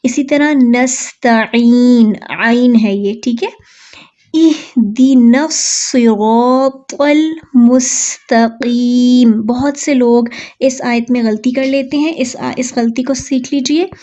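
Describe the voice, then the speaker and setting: A woman teaching Quran recitation, chanting verses slowly and drawn out, then explaining pronunciation patiently. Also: sits high, a little mellow, muffled recording.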